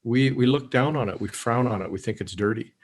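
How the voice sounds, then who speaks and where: A middle-aged man from Canada, a guest in a casual interview, speaking calmly and telling stories. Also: mid-range voice, brisk. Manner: calm, even-keel storyteller who drops in quoted lines. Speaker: guest, negotiation expert.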